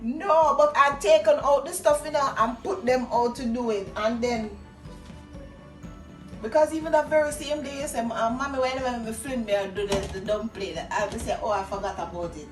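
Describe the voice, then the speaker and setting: Faint music plays in the echoey home kitchen where a middle-aged Jamaican-accented woman hosts a casual cooking lesson. She speaks at a normal speed in a fairly high voice.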